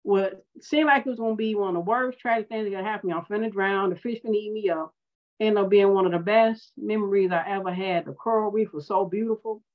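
Woman minister, animated sermon storyteller, mid pitch, dull lo-fi recording. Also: brisk. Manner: animated, conversational storytelling with acted-out quotes.

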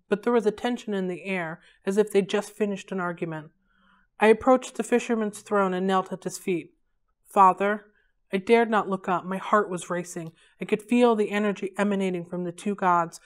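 A woman hosting a library read-along, reading a novel aloud in a steady, unhurried way. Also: mid-range voice, clean tone.

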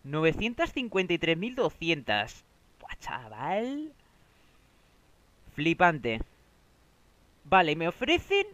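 A young Spanish man with a Spanish accent streams live, commenting on his game to viewers. He's excitable and quick to swear, and his voice is on the high side, clear and resonant, with no room sound.

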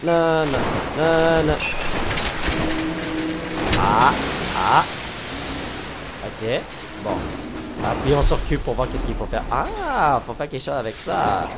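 A man's voice: medium pitch, sing-song, takes it slowly, long pauses, loud music behind the voice. A man with a Québécois French accent giving let's-play commentary, exclaiming, joking and humming to himself as he plays. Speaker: gamer commentator.

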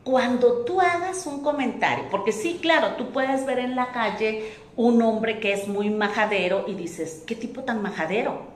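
Slow-talking woman, echoey room. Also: a little high, slight background noise. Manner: slow, deliberate, repeats lists and acts out quoted remarks. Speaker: motivational speaker. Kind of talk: self-help talk.

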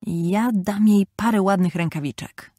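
A woman's voice: medium pitch, unhurried, warm tone, dry recording, clean studio sound, lightly acted. Woman voicing a prim eldest sister.

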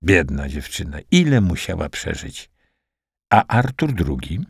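Guy reading an audiobook, deep and raspy, steady dramatic delivery. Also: measured pace, no room sound, clean studio sound. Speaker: audiobook narrator. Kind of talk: scripted narration.

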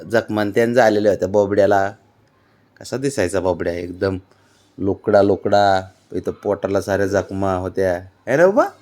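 A man's voice: deep voice, little pitch movement, normal speed, a little mellow. A man chatting with his pet cat in a doting, coaxing way and asking it the same questions again and again. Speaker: cat owner. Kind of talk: casual talk to a pet cat.

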